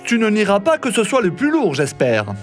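A man's voice: sits high, huge pitch swings, normal speed, soft background music, voice pushed up. A man voicing a small, boastful, cunning tailor in a storybook reading, teasing and cocky. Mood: mocking.

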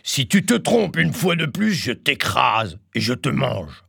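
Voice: medium pitch, very animated, unhurried, vocal fry, slightly rough, no echo, full character voice. Narrator doing a furious threatening storybook wolf. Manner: threatening, shouting. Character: angry wolf turned into an elephant. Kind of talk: storybook reading.

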